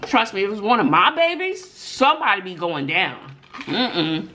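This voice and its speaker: Very animated and brisk, a middle-aged woman with a medium-pitched, sharp-toned voice chats with viewers; there is a little hiss or hum. She's a mukbang vlogger and middle school teacher telling stories and sharing opinions casually, emphatic, with rhetorical questions and frequent "mm-mm"s.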